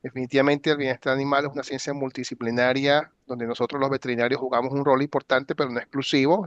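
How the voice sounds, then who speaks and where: A man moderating a webinar with a measured, hesitant manner and repeated words. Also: medium pitch, no room sound. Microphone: video call. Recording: dull, dry video-call audio.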